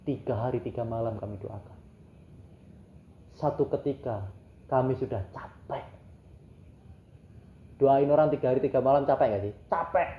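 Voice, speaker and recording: A man's voice: medium pitch, normal speed, pauses often, slight background noise. A male pastor telling a story in a conversational sermon and asking his listeners rhetorical questions. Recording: roomy, dull sound.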